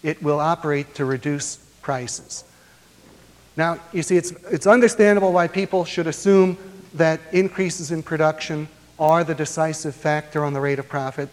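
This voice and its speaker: Man, lecturer, academic lecture, slightly high voice, deliberate with frequent pauses, long hall reverb. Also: steady tone.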